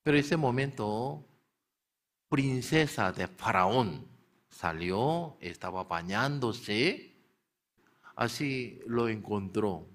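A man preaches in an unhurried, deliberate rhythm, telling a story to his listeners. His pitch sits in an ordinary middle range, and he keeps turning to them with rhetorical questions that he answers himself. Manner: animated retelling, slips into character voices. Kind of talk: storytelling sermon.

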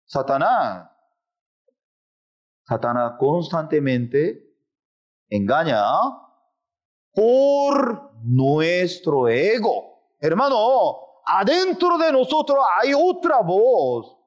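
A male preacher delivers a sermon at a very unhurried pace, his voice leaping up and plunging down. He dramatizes his points by slipping into the voices of the people he describes, and he sits a little higher than most men. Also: big pitch swings. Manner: dramatic, acts out quoted voices.

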